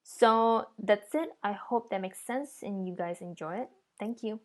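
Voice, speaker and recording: A woman's voice: medium pitch, measured pace. A woman giving an explanatory presentation of a design project, walking listeners through it step by step.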